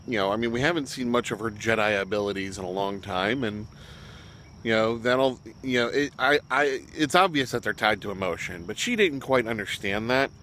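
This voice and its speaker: A man's voice: on the low side, fairly bright tone, slight background noise. A man talking casually as he reviews a web series episode, rambling with fillers and throwing in jokey asides. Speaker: show reviewer.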